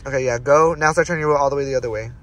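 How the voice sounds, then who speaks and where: Recorded by a phone camera on the dashboard, a young adult vlog host chats casually in his car, laughing and swearing often. He talks rapid-fire in a medium-pitched, somewhat bright voice.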